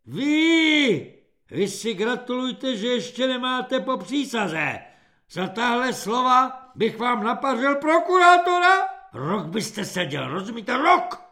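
A man voicing a young army corporal who squeals and bullies recruits with hectoring shouts. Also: very high voice, sing-song, pitched above the performer's own voice, heavily acted. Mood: barking.

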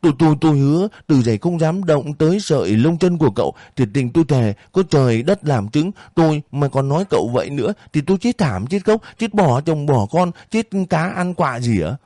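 A man's voice: on the high side, expressive, moderate pace, few pauses, warm tone, no echo, studio quality, voice pushed up, natural voice. A man voicing a stingy, cruel and cowardly older woman landowner in an audiobook reading, scolding shrilly and pleading in a panic.

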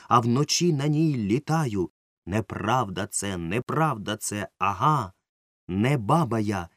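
A man's voice: medium pitch, dry recording, clean studio sound, voice pushed up, natural voice. A man voicing a stern, suspicious middle-aged woman yard-sweeper who is secretly a witch, in an audiobook. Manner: stern, scolding, sharp. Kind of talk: audiobook character voice.

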